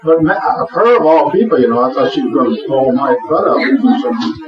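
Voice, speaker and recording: A man's voice: on the high side, lively intonation, brisk, far from the mic. Older man chatting, muffled secret recording. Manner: folksy, repeats himself, salty exclamations. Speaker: storyteller among friends. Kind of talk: casual chat, telling anecdotes. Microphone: concealed, away from the mouth. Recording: muffled, echoey, hidden recorder amid chatter.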